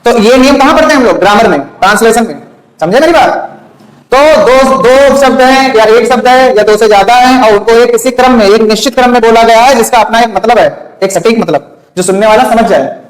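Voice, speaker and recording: A man's voice: very high voice, a little fast. A male teacher giving a classroom grammar lesson, often stopping to check that his students have understood. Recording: echoey room.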